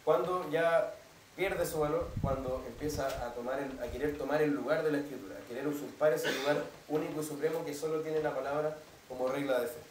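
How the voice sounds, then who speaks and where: A man preaching a teaching sermon, his voice a touch high and carried from afar across a reverberant church hall. He lays out doctrine patiently, pausing again and again to ask whether his listeners follow. A faint hum of the room sits beneath his words. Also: steady tone. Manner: explanatory, keeps asking "¿cierto?" to the congregation. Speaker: pastor. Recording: echoey hall, mic at a distance.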